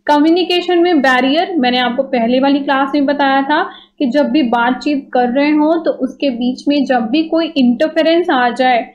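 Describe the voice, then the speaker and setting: Woman, high voice, conversational lecture, slightly muffled recording. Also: normal speed. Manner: conversational, checks in with "ठीक है" often. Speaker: exam-prep teacher. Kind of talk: explanatory online lecture.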